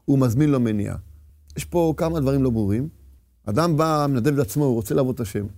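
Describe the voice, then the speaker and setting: A man's voice: medium pitch, dark tone, dry recording. A man giving a Torah lecture with passion, firing rhetorical questions and acting out inner voices. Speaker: religious teacher.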